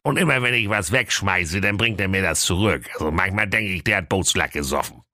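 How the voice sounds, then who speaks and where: A man's voice: low-pitched, a little fast, sharp tone, no room sound, studio quality, full character voice. A man voicing a chatty, fussy king who complains in a casual, confiding way in a comic fairy-tale reading. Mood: grumbling confiding.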